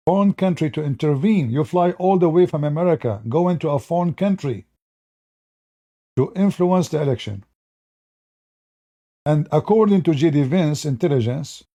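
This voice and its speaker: His voice is a little high and carries vocal fry. With a relaxed, mellow delivery, the man mocks politics in rambling remarks to his viewers, regularly abandoning sentences to start them anew.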